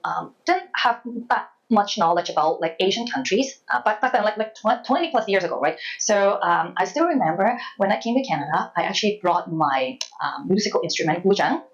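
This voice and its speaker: A Hong Kong woman in her thirties, a former journalist, answers interview questions reflectively, halting and repeating words in her Hong Kong accent. Her medium-pitched voice is expressive, though the recording is muffled.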